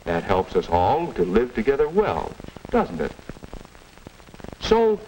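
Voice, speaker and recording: Patient, moralizing 1950s American dad, lilting. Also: male voice, medium pitch, wildly swooping pitch, heavily acted. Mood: patient, didactic. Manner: measured, didactic, gently questioning. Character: patient, moralizing middle-aged father advising his child. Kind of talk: 1950s instructional film acting. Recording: noisy vintage 1950s film soundtrack.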